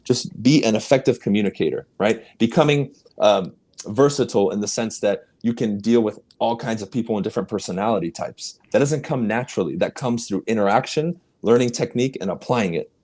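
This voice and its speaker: A Spanish-native man appears as a podcast guest, coaching on real estate in English with emphatic, punchy delivery and sweeping jumps in pitch. The motivational interview finds him speaking briskly in a slightly mellow voice.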